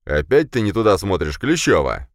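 A man voicing a fat, bossy middle-aged police chief who shouts and blusters. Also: deep voice, expressive, normal speed, dry recording, studio quality. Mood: blustering, angry.

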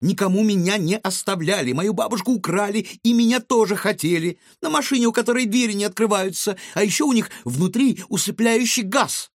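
Man doing a stubborn little girl, high and loud, always protesting, storybook voice. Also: very animated, moderate pace, few pauses, slightly rough, no room sound, studio quality. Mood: insistent. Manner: insistent and protesting.

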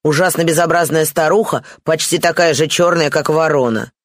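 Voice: mid-range voice, steady tone, normal speed, a bit bright, dry recording, studio quality, lightly acted. A reader voicing a deferential, uneasy male footman reporting to his masters, in an audiobook.

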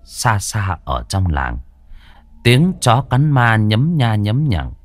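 A man narrating a ghost story with a dramatic, drawn-out delivery. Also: fairly low pitch, big pitch swings, no echo.

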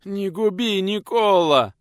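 Frightened village weavers wail and beg in rustic speech, as a male narrator puts them on. The voices rise high above the reader's own and drag out each plea. The recording is dry and close. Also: slow, dry recording. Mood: desperate begging. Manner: wailing, pleading in rustic speech.

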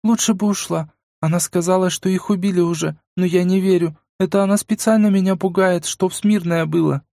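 A frightened young woman begs in a tremulous, whimpering voice, as a male reader puts her on. Her voice sits higher than the reader's own, and the sound is dry and close, like a studio audiobook. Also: steady tone, brisk, vocal fry, dark tone, no echo. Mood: frightened, hurried. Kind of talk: audiobook character voice.

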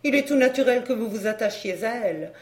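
A woman's voice: on the high side, lively intonation, fast talker, darkish tone, natural voice. A haughty foreign countess speaks in a cool, lifted, airy voice, as a woman narrator puts her on. She sounds poised and a little mocking. The reading has a roomy echo.

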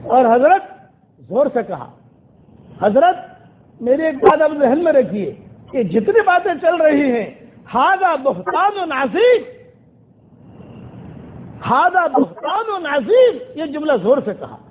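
A man's voice: very high-pitched, very animated, pauses often. A man giving a Friday sermon in a mosque, retelling stories with quoted dialogue and emphatic repetition. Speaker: preacher. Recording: tinny phone-like sermon recording with faint hiss.

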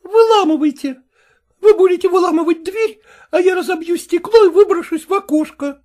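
A woman's voice: extremely high pitch, normal speed, warm tone, pitched above the performer's own voice. A woman voicing a headstrong young woman who answers defiantly, in an audiobook reading. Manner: defiant, cold.

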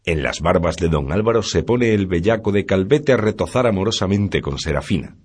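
A man narrating a classic novel aloud in a measured storytelling manner. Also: deep voice, lively intonation, a little mellow, slightly rough. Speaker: audiobook narrator.

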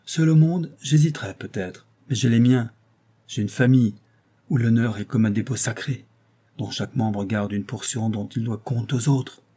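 A man's voice: on the low side, steady tone, unhurried, mellow, slightly rough. A man voicing a proud, dutiful young noblewoman in an audiobook, reading her lines in an earnest, declamatory way. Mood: pleading.

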